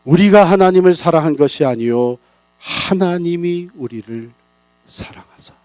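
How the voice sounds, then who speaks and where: A man's voice: unhurried, no echo, rough recording. Man preaching with dramatic swings. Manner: dramatic, big swings in pitch and loudness. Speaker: pastor. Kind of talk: revival sermon. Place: church.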